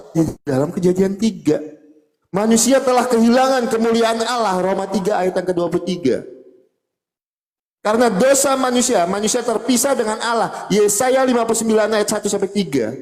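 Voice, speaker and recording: Man, very high voice, fervent loud debater, echoey room, long reverb. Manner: loud and fervent, rapid-fire verse citations. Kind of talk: live debate rebuttal.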